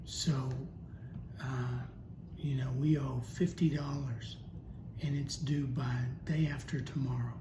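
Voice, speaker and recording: A man puts on a fussy, exclaiming older wife reading the mail aloud. The delivery is unhurried. It sounds like an echoey room with a steady noise underneath. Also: mid-range voice, close to an everyday voice.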